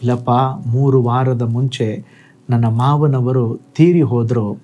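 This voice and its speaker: A man voicing an adult friend who is weeping in a short anecdote, explaining himself in a rushed, plaintive way. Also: medium pitch, steady tone, warm tone, faint music behind, natural voice. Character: weeping man grieving lost windfalls, adult.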